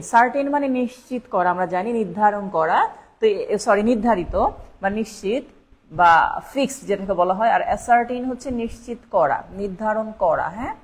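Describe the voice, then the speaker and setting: A woman teaching a live online English spelling lesson for exam preparation. She repeats each word several times and spells it out letter by letter. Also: on the high side.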